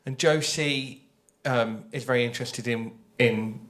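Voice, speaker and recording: An audio drama writer speaks on a festival panel, explaining his ideas thoughtfully and conversationally while repeating phrases for emphasis. His voice is mid-range and a bit bright, with a measured pace.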